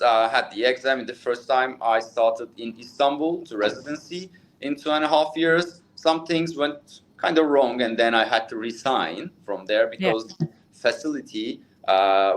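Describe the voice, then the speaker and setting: Speaking English with a Turkish accent, a man in his thirties from Turkey, a plastic surgeon, gives long interview answers packed with fillers and restarts. His voice is medium-pitched at normal speed. The low-quality recording has a little hiss or hum.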